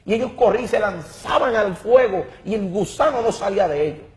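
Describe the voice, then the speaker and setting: A man tells his religious testimony with fervor and drama. His voice sits fairly high for a man. He stresses words and repeats himself as he reaches for the next thought. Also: animated, brisk. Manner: emphatic and dramatic, repeats words while searching. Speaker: guest giving a testimony.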